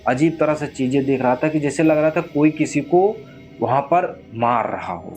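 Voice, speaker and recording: A man's voice: a little high, normal speed, a little mellow. A man telling a spooky story in a loose, conversational way, full of filler phrases. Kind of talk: casual spoken horror storytelling. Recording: clear music bed under the voice. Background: background music.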